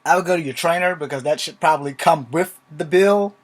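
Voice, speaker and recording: Blunt, cursing man, slightly high voice. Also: brisk, slight background noise. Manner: blunt, profane, informal. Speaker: martial arts vlogger. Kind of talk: casual rambling vlog talk. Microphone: filming from a laptop.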